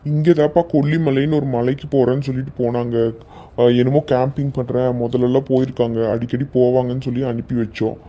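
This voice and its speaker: A man's voice: mid-range voice, flat delivery, fast, mellow, lightly acted. A man voicing an anxious father whose daughter has gone missing, in a cartoon. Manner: anxious, pleading, repeated questions. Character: worried father of a missing teenage girl. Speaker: cartoon voice actor.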